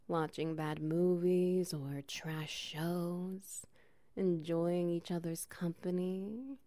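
A woman talks gently and slowly in a soothing ASMR comfort roleplay, often dropping into a whisper. Her voice sits a little low and carries a gravelly, fry-tinged edge. The sound is dry and close, with no room around it. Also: no room sound. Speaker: ASMR performer.

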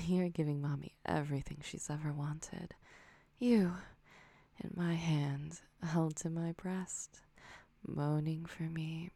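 A young woman whispering softly in an intimate ASMR roleplay, slow and soothing, doting on the listener with hums and soft giggles. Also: low voice, gravelly, slightly rough, no echo. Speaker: audio roleplay performer.

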